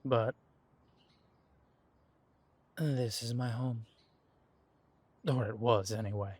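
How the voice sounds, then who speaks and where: A man voices a laid-back young werewolf who addresses the listener directly in an audio roleplay, reminiscing in a reflective, relaxed way with frequent soft chuckles. His husky, middle-pitched voice is very slow with long pauses, and there's no room sound.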